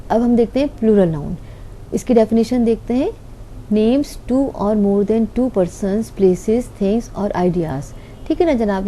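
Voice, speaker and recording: A woman's voice: mid-range voice, warm tone. A woman teaching an online grammar lesson, patiently explaining and answering her own questions.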